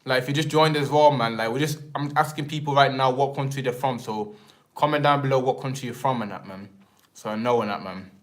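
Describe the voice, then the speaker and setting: Brisk and medium-pitched, the young man from England rambles through his casual stream in slang. He keeps tagging his sentences with fillers like "man" and "and that."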